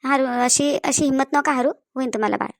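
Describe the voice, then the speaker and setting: A woman with a Varhadi Marathi accent voicing a calm female doctor in a cartoon, who keeps reassuring her patients. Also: high voice, quick pace, vocal fry, dry recording. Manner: soothing, repeats reassurances.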